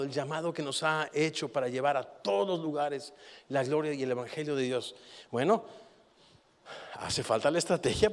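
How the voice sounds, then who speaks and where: A man preaching a sermon with animated delivery, rising to forceful peaks and dropping to quiet, reflective passages. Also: a little high. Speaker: pastor. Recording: long hall reverb.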